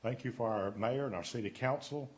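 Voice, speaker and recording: A man's voice: mid-range voice, brisk. A man, a city councilman, leading an earnest spoken prayer that halts and restarts now and then.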